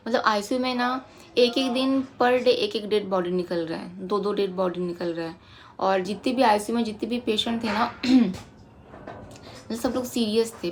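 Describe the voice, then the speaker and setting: A woman's voice: medium pitch, a little hiss or hum. A woman in her thirties talking casually and emotionally as she recounts a family story in a personal vlog. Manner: emotional, conversational, recounting in detail. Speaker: vlogger.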